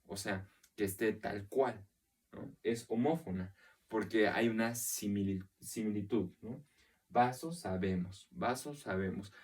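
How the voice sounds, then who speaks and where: A man's voice: fairly low pitch, far from the mic. A man teaching a literature class, explaining step by step, counting syllables aloud and often checking in with his students. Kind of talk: recorded class lecture.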